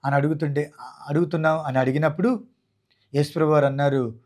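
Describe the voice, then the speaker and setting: A man's voice: a little high, steady tone, fast talker, a little mellow. A man with a Telugu accent preaching a sermon, quoting scripture and speaking directly to his listeners. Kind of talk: Telugu sermon on Bible passages.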